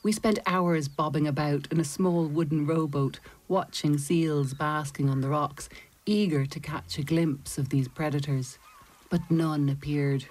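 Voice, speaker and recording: A woman reading scripted nature documentary narration in a measured, storytelling way with deliberate pauses. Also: sits low, fairly even intonation, darkish tone.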